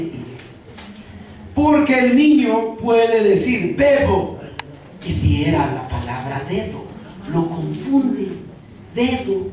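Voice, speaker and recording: Lively Guatemalan trainer, higher voice, lecturing a room of teachers from afar in a noisy hall. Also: male voice. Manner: animated, addresses the audience as colleagues. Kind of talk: workshop lecture. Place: large hall. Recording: echoey hall from far off, noisy.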